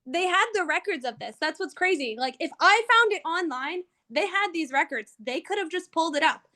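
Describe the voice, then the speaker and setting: High-pitched woman on a video call, animated, acts out everybody in the story. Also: brisk. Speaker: real estate investor. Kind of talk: casual group call.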